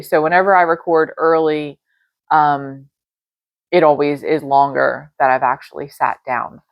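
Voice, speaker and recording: A middle-aged woman hosts her own podcast from her dining room, rambling casually on her own and dropping in plenty of fillers. Her voice sits low and sounds slightly nasal and congested, and the recording is dry.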